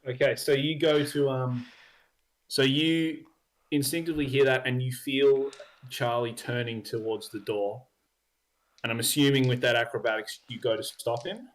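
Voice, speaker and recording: A man's voice: mid-range voice, steady tone, moderate pace. Young man running a tabletop game. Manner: hesitant, many ums and likes. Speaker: dungeon master.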